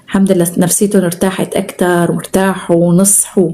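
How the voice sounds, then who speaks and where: A woman's voice: lowish voice, flat delivery, fast, mellow. A woman with a Syrian Arabic accent hosting a live stream, chatting casually as she reads out viewer comments and showers them with endearments.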